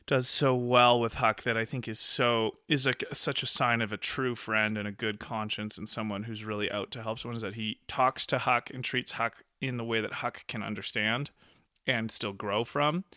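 A man talks through a classic novel with keen enthusiasm, often breaking into laughter and playing out the lines he quotes. His voice is bright and forward, recorded close and dry with no room sound. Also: medium pitch, no echo. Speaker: discussion co-host. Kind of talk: casual literary discussion.

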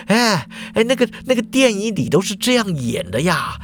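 A man voicing an excitable old male school principal who scolds and exclaims in drawn-out phrases. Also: high-pitched, a little hiss or hum. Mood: ranting.

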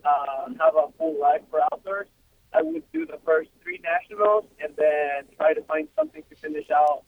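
A man's voice: a little high, moderate pace, no room sound. Young man on a tinny phone line. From Ecuador. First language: Spanish. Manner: lively, easygoing, many fillers. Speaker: racing guest. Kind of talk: casual phone interview.

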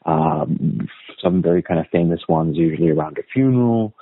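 Man, low voice, tinny phone-like line, dry sound, thoughtful storyteller, hesitant restarts. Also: animated, moderate pace, no room sound. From United States. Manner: thoughtful storyteller, frequent "uh" and repeated words. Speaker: guest historian. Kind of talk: casual interview conversation.

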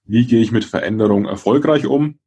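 A man's voice: medium pitch, fairly quick, dark tone, breathy edge, muffled recording. A man of thirty with a Franconian accent and a rolled r, talking about himself as an interview guest. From Franconia, Germany. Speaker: guest, speaker and change coach. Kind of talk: conversational interview, personal account.

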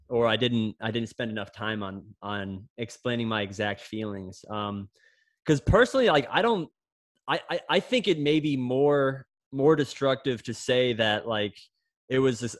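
With no echo in the audio, a young man's mid-range voice comes through as he chats casually on a podcast. Once a pro runner, he spins a long story full of fillers and restarts.

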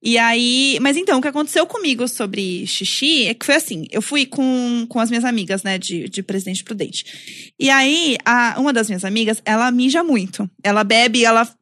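A young woman with a high voice tells a story on a podcast, animated and loose, with plenty of fillers. The sound is close and dry, with no room around it. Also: moderate pace, no room sound. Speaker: podcast co-host. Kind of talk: casual chat among friends.

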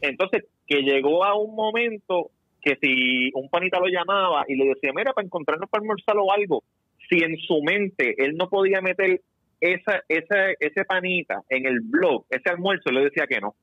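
A man's voice: high voice, expressive, normal speed, dry recording, highs cut off. A man hosting a casual podcast, telling stories animatedly and swearing casually. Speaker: podcast host.

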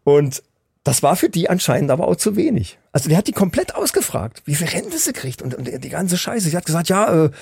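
Man, podcast host, animated storytelling, high voice, dry close sound. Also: a little fast, gravelly, husky, dry recording. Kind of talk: casual podcast chat, telling a story.

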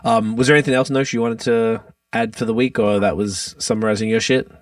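Sweary man, low-pitched. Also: fairly even intonation, a little fast, no echo, distant mic. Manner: sweary, blunt slangy talk. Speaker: podcast host. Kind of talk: casual chat.

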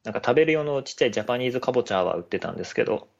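A man's voice: medium pitch, expressive, racing, vocal fry. A man chatting casually and politely on a podcast, often laughing. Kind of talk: casual chat. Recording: dull lo-fi audio.

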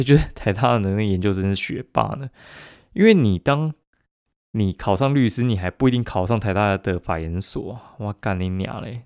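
A man's voice: lowish voice, a little mellow, no echo, clean studio sound. Profane Taiwanese man ranting on a podcast. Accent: Taiwanese Mandarin. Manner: profane, exasperated storytelling with heavy swearing. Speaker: podcast host. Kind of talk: casual solo podcast rant.

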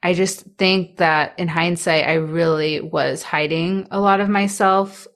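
Measured and steady, this lowish female voice belongs to a young woman in her twenties with a stutter, being interviewed. She talks candidly and softly, restarting, repeating sounds, and laughing gently between ideas.

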